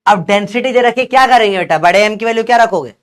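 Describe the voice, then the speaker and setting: A man's voice: sits high, fast, a bit bright, smooth. A man teaching physics in a coaching lecture, joking and scolding his students and calling them "beta".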